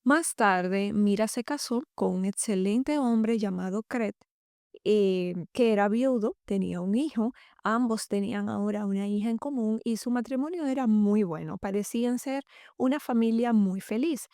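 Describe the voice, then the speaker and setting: A woman with a soft, mellow voice hosts a faith podcast for women. She reads a passage from a book and then reflects on it in a calm, measured way. The recording is dry and close, with no room echo. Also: medium pitch. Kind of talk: reading aloud from a book and commenting.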